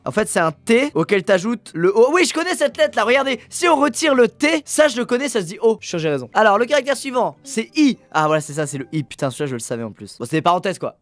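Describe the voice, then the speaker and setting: A fast-talking man gives excitable commentary while playing a game, his high voice bouncing all over. He jokes crudely and swears often. Soft game music plays faintly behind him. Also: no echo. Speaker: gaming video host. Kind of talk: gaming commentary.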